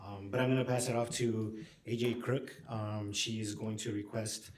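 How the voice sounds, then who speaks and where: A man's voice: on the low side, flat delivery, normal speed, darkish tone. A man presenting at a school board meeting in a friendly, upbeat way with frequent "um"s. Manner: upbeat, friendly, hesitant fillers. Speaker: district administrator presenting. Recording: echoey meeting room.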